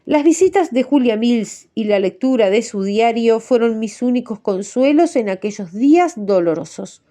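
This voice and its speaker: Warm-voiced woman reading an audiobook. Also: on the high side. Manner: measured, steady storytelling. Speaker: audiobook narrator.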